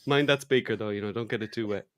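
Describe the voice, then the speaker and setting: A man's voice: fairly low pitch, fast, a bit bright. A man from Ireland guesting on a podcast, trading dry, quippy jokes. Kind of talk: casual podcast chat.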